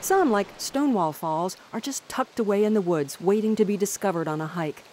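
A woman giving calm, measured scripted narration for an outdoors documentary. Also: mid-range voice, over music, rough recording.

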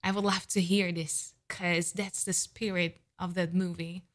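Speaking English, which isn't her first language, a woman in her thirties who coaches voice reacts excitedly to a song, filling gaps with "uh." Her voice is lowish and unhurried. The large condenser mic is right up close, and she's indoors in a shelved room at home.

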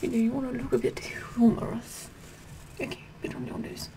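A woman's voice: a little high, level tone, moderate pace. A middle-aged woman playing a sassy, vain, condescending Queen Elizabeth the First in a whispered ASMR roleplay, repeating her words imperiously. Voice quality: breathy whispering mixed with soft speech.

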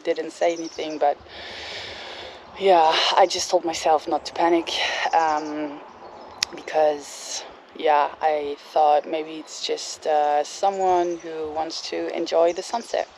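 Casual hesitant woman talking slowly to camera outdoors, fills gaps with um and yeah. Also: deep voice, flat delivery, a little mellow, a little hiss or hum. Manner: hesitant, many fillers and restarts. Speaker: bicycle traveler vlogger. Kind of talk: casual vlog storytelling. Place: outdoors at a campsite.

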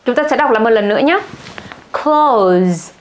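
A woman teaching English vocabulary, saying each word several times slowly and stressing it. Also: fairly high pitch, a little hiss or hum. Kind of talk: vocabulary lesson.

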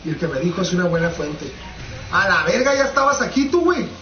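A man's voice: sits high, sing-song, fast talker, bright, forceful tone. A young man from Mexico, teasing and ribbing his friends in crude, rowdy casual banter, firing off the same question again and again. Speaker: streamer commentating a fighting game match. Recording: roomy, dull sound with clear background noise.

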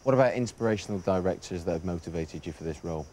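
A man's voice: deep voice, rapid-fire, warm tone, a little hiss or hum. A man presenting, asking questions and narrating in a cheeky, wry way.

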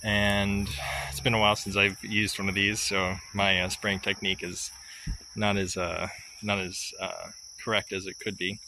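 Holding a phone at arm's length, a young man records a casual vlog outside on a farm amid trees and beneath a tin-roofed shed. His voice is fairly low and level, his speech halting and filled with fillers, and loud insects and crickets dominate the outdoor recording.

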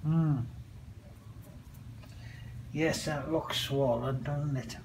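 High-voiced man chatting slowly to camera. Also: steady tone, a little mellow, slight background noise. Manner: chatty, swears mildly, calls out to dogs. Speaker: vlogger. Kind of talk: casual vlog chat. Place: outdoors by a pool.

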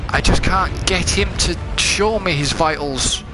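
A young man giving let's play commentary, muttering, swearing and getting excitable as he plays. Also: on the high side, unhurried. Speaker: gaming commentator. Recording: game music loud behind voice.

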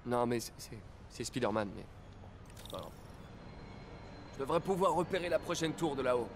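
A man's voice: mid-range voice, animated, moderate pace, background noise, close to an everyday voice. A young man acting a friendly, awkward, wisecracking superhero in a French video game dub, earnest and natural. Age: young adult. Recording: game music behind.

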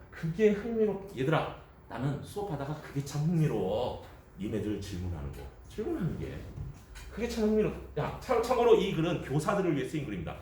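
A man who teaches high school English gives a lively classroom lecture, joking and talking straight to the students. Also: slight background noise. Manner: lively, jokey, addresses students directly. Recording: echoey classroom from far off.

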